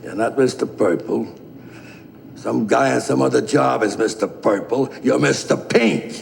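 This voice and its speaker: An actor playing a gruff, bossy older male crime boss with a gravelly voice, blunt and profane in crime film dialogue. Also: mid-range voice, unhurried. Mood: irritated, commanding. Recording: noisy, long reverberant room sound.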